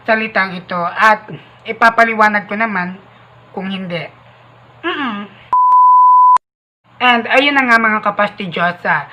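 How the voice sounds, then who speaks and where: A woman's voice: mid-range voice, bright, forceful tone. A woman with a Filipino accent chatting casually on her vlog, often repeating phrases and humming "mm-mm" between them. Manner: playful, repeats phrases with hummed "mm-mm" asides. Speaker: vlogger.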